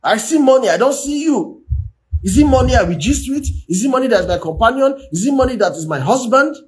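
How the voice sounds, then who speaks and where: Frustrated wife, voiced by a man, pleading rhetorical questions, pitch pushed up. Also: animated, fairly quick. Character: frustrated lonely wife, adult woman.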